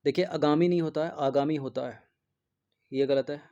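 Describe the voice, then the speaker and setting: Hindi exam tutor, dark, lo-fi. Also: male voice, mid-range voice, normal speed, gravelly. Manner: repeats each word over and over and checks in with a constant "theek hai". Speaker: exam prep teacher. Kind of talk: spelling lesson, explaining answers. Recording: dull lo-fi recording.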